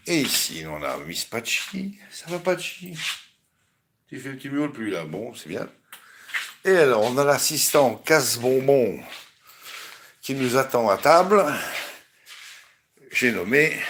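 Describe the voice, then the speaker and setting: A man's voice: medium pitch, a bit bright, a little hiss or hum. A man hosting a casual home cooking live stream from his kitchen, rambling and chatting with his viewers and his pets. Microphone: camera on a hanging mount.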